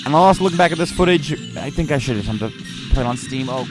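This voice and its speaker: A man with a mid-range voice and lively intonation talks fast as a let's play narrator reviewing gameplay. His commentary is casual and rambling, often repeating or correcting himself mid-sentence, with game music under his voice.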